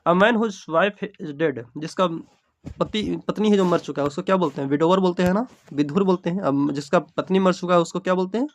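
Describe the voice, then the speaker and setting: A man with a Bihari Hindi accent teaching an exam-prep English lesson from home, explaining in Hindi and reading the English options aloud. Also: high-pitched.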